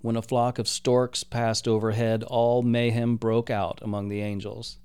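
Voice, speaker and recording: A man narrating a story in a measured, expressive reading. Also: medium pitch, clean tone.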